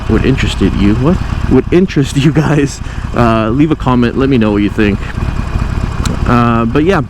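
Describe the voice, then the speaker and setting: A man with a medium-pitched voice rambles casually from inside a motorcycle helmet. He thinks aloud and often corrects himself as he goes. Clear engine and road noise runs behind him. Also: moderate pace. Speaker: motovlogger, stock trader. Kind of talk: casual rambling vlog talk while riding. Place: inside a helmet, riding a motorcycle outdoors in traffic. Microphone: mic inside a motorcycle helmet. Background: engine and vehicle noise.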